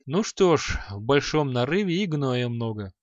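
A man's voice: mid-range voice, sing-song, moderate pace, dry recording, natural voice. A good-natured young apprentice speaks mildly and agreeably , as a man reading an audiobook plays him. The sound is dry and a bit dull. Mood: easygoing. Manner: mild, agreeable.

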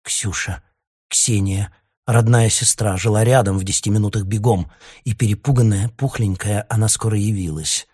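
A man narrating an audiobook in a lively, dramatic storytelling manner. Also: lowish voice, moderate pace, breathy edge. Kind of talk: audiobook reading.

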